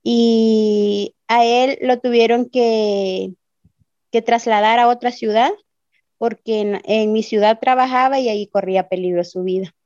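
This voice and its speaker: A woman with a Salvadoran accent tells her own story as a migrant, very slowly and with many pauses. Her voice sits a little high. The recording is dry and a little muffled. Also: steady tone, a little mellow, no echo. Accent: Salvadoran Spanish. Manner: slow, hesitant, with many fillers. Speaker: interviewee, migrant. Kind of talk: personal testimony. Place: Ciudad Juárez.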